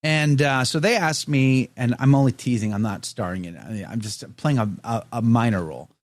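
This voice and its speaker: A middle-aged man hosting a podcast chats casually and jokes as he reads viewer comments aloud. His mid-range voice moves fairly quickly, and the recording has no room sound.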